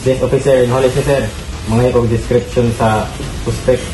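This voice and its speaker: A man's voice: medium pitch, level tone, moderate pace, reverberant, noisy background. A man heard over a police radio, giving clipped, formal replies as an officer.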